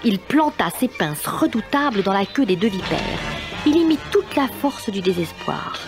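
Woman storybook narrator over clear music. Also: medium pitch, sing-song, moderate pace. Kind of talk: scripted dramatic storybook narration.

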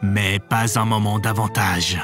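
A man's voice: lowish voice, fairly even intonation, a little slow, soft background music. A man voicing a cruel, menacing nobleman husband in a storybook reading, stern and threatening. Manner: stern, threatening, shouting at times.

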